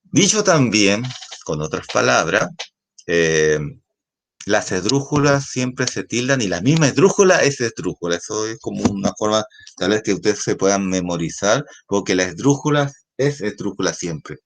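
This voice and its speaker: Man teacher, low deep voice, patient step-by-step explaining. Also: big pitch swings, moderate pace, slight background noise. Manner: patient, repetitive explaining with checking questions. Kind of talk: classroom lesson.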